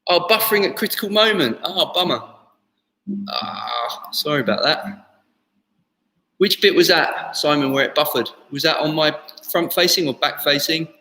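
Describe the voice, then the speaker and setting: A man's voice: on the high side, lively intonation, moderate pace, sharp tone. A man instructing a live online tai chi class, reassuring and informal, often repeating his words. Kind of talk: live online movement class, step-by-step instruction and casual chat. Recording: echoey reverberant room, faint music.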